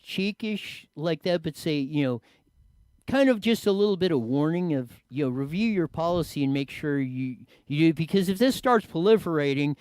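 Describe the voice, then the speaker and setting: A man's voice: fairly high pitch, darkish tone, no room sound. A man with an Appalachian-style hillbilly twang, talking off the cuff about local affairs in a rambling, folksy, wry way as a commentator. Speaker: local commentator and public speaker. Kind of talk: unscripted talk on local government.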